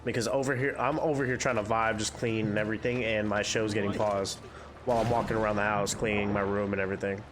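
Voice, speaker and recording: Over background noise, this young man talks fast in a lowish, congested voice with little pitch movement. He hosts a gaming channel and rambles candidly in casual chat while playing through a game.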